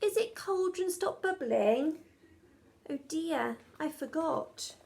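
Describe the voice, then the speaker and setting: A woman doing Betty, a squeaky little witch girl. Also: animated, slow, gravelly, a little mellow, slight background noise, heavily acted. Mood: flustered.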